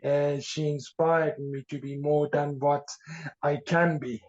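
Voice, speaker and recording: A man from Iran, an author being interviewed, speaking haltingly with frequent fillers as he searches for words. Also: fairly high pitch, flat delivery, a little mellow. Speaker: author guest. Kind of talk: podcast interview. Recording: dull lo-fi sound.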